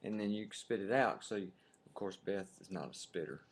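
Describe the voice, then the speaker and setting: A man's voice: deep voice, lively intonation, fairly quick, breathy edge. A middle-aged man chatting casually into a webcam at home, joking and chuckling. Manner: jokey, playful, chuckles often. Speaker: co-host of a webcam video. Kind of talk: casual chat.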